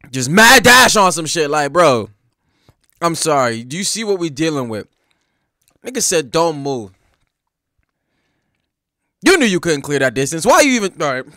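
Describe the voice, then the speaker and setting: A man hosting a reaction video, talking in excitable slang and laughing often. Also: fairly high pitch, no echo, studio quality. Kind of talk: casual reaction commentary.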